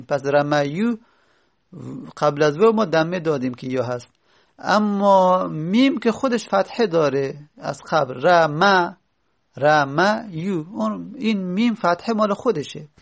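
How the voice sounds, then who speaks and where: A male teacher explaining Arabic grammar step by step, repeating word forms aloud. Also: fairly high pitch.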